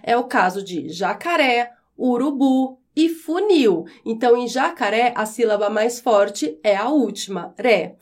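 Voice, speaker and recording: A woman with a high voice gives a podcast language lesson. She explains patiently and spells out syllables one at a time. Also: animated. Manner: slow, clear, syllable-by-syllable explanations. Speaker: Portuguese teacher.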